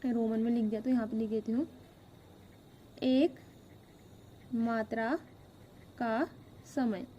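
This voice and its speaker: A woman's voice: on the high side, flat delivery, slow pace, lo-fi sound, a little hiss or hum. A woman teaching a grammar lesson step by step, asking questions and then answering them herself. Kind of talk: classroom-style grammar lesson.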